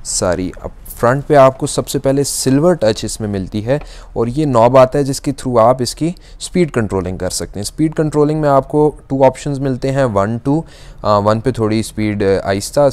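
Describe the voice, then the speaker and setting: With a clean, medium-pitched and slightly mellow tone, a young shop salesman patiently demonstrates a kitchen appliance in an electronics store. He goes step by step, frequently filling pauses between phrases with a long "aa."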